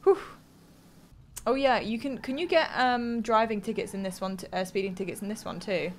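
With a bit of hiss or hum on the audio, a young Englishwoman offers casual live commentary on her game stream, chatting and musing aloud. Her mid-range voice runs at normal speed, picked up by a close desk mic in a small room at home.

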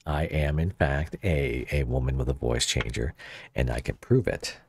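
A man talks through a voice changer that drags his voice extremely low and gives it a gravelly, husky grain. He rambles and jokes as he streams, often breaking off mid-thought. The sound is close and dry. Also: normal speed, darkish tone. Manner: rambling, joking, self-interrupting. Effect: voice changer pitching the voice very deep. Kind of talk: casual livestream chat.

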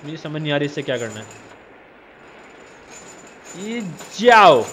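A man's voice: fairly high pitch, big pitch swings, a little slow, background noise. A man giving casual let's-play commentary, teasing and scolding the character he controls. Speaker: gamer.

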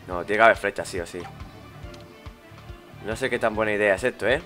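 A man's voice: lowish voice, brisk, faint music behind. A man with a Spanish accent from Spain, commenting on a video game as he plays and reading its dialogue aloud. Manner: excitable, reads game dialogue aloud between loud reactions. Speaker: let's play host. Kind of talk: gameplay commentary.

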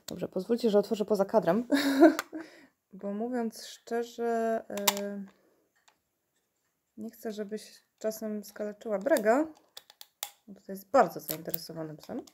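A woman's voice: mid-range voice, dark tone, a little hiss or hum. A woman unboxing toys at home in casual chat, recorded on a tablet, often laughing and talking to her puppy. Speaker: unboxing vlogger.

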